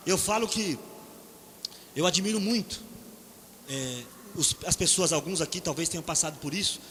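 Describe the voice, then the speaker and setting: High bright Brazilian male preacher. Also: expressive, moderate pace. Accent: Brazilian Portuguese. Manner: conversational, frequent "né?" tag questions; acts out quoted voices in storytelling. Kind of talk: sermon with personal stories. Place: church hall. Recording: reverberant hall, faint ambient noise.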